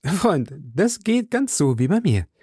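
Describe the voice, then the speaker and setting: A man's voice: fairly high pitch, measured pace, slightly rough, no echo, studio quality, pitched above the performer's own voice, exaggerated voice. Aramis, a man doing an airy vain musketeer. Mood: airy lively. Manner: airy, animated, affected. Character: refined poetic young musketeer, vain.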